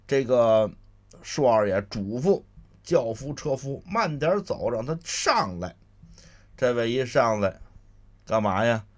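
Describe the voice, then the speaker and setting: A man's voice: medium pitch, big pitch swings, takes it slowly. A man with a Beijing accent performing solo comic storytelling, chatty, with explanatory asides to listeners. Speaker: solo crosstalk comedian.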